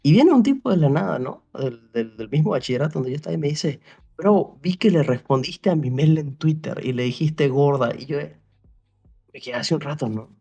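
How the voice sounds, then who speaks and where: A young man from Paraguay, guesting in an interview, has a slightly high, expressive voice that is brisk, mellow, and slightly rough. His casual storytelling rambles at length, broken by restarts and repeated "o sea," and he acts out bits of what people said.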